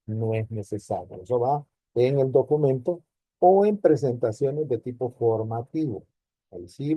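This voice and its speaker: A man's voice: mid-range voice, no room sound, lo-fi sound. A man teaching a university class, explaining step by step and checking in with rhetorical questions. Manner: explanatory, addresses students directly with rhetorical questions. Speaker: university lecturer. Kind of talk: recorded online class lecture.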